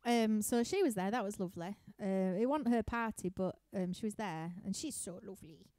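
A woman's voice: mid-range voice, normal speed, dark tone, dry recording, studio quality. A young woman with a Yorkshire accent, chatting casually at home as she reads out viewer questions on a live stream, rambling, laughing and using many fillers. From Yorkshire, England. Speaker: musician hosting a live stream Q&A. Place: living room at home.

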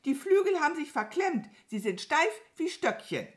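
A woman's voice: high-pitched, big pitch swings, moderate pace, fairly bright tone, voice pushed up. A woman voicing a greedy, dramatic female crow who whines and complains theatrically. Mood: panicky.

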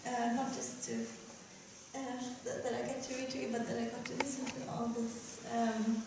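Standing at a lectern on a dark stage during a festival, a young woman poet reads her work in a measured way, then chats and giggles between poems. Her pitch is fairly high and her delivery flat. Background noise carries through a roomy hall, recorded by a stand mic from a distance.

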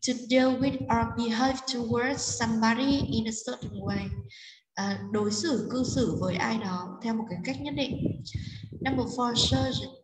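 A woman with a Vietnamese accent teaching an English lesson, explaining words slowly in English and Vietnamese. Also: fairly high pitch. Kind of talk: bilingual textbook lesson. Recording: echoey room with noise.

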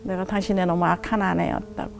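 A woman's voice: flat delivery, quick pace, creaky, soft background music. A middle-aged woman giving a heartfelt personal testimony as a missionary guest in a studio, earnestly retelling her story. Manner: earnest and heartfelt, quotes God in a lowered softer voice.

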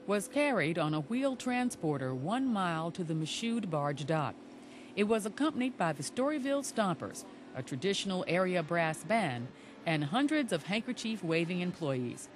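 A woman reading a scripted news narration in a measured, expressive way. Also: lowish voice, a little hiss or hum.

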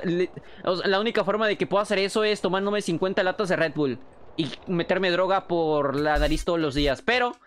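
A young man with a Mexican accent, chatting fast and excitably on a livestream, swearing freely while showing how he works. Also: a little high, slight background noise. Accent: Mexican Spanish. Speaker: streamer. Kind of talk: casual livestream chat.

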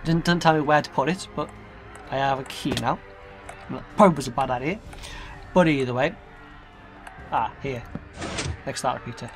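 A man's voice: medium pitch, normal speed, pauses often. A man giving casual gameplay commentary, muttering to himself and reading in-game text aloud. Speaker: gaming video host. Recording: game music behind.

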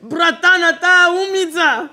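A man's voice: extremely high pitch, lively intonation, sharp tone, pitched above the performer's own voice, heavily acted. A man voicing a scheming, greedy kidnapper who boasts and gloats in slangy talk. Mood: gleeful scheming. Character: scheming greedy male kidnapper, gleeful swaggering villain.

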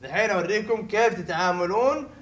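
High-voiced man joking through a game. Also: fast. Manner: playful, teasing, bursts into laughter and shouting. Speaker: gaming video host. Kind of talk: joking let's-play commentary.

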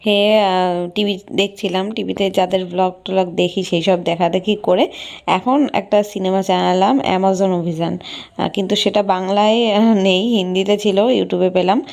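A woman's voice: medium pitch, fairly even intonation, moderate pace, vocal fry, darkish tone. A middle-aged woman chatting casually in a home vlog, rambling with many fillers, recorded on a phone camera at home. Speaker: vlogger. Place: home kitchen and bedroom.

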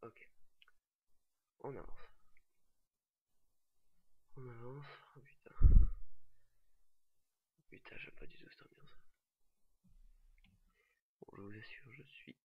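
A man's voice: mid-range voice, slow pace, long pauses, breathy edge, no echo, poor audio. A young French man commenting on a horror game in casual chat, nervous and swearing, laughing at himself. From France. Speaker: gamer. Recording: quiet, uneven home mic.

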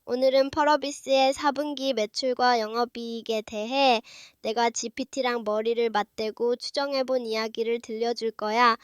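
Female video host, high clear voice, cutesy kitty-style speech, casual scripted delivery to viewers. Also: steady tone, normal speed. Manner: cutesy cat-like speech, ending sentences with "nya".

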